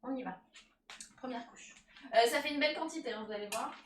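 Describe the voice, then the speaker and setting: A woman's voice: a little high, fairly quick, recorded from a distance, background noise. A woman chatting casually during a live cooking stream, laughing often, thanking viewers and talking to her cat. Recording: echoey room, voice a bit off-mic.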